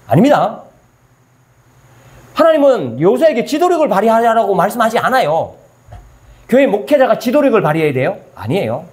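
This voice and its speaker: A man's voice: high voice, darkish tone. A male pastor preaching a sermon. He asks his listeners questions and answers them himself, and he acts out scripture in casual everyday speech.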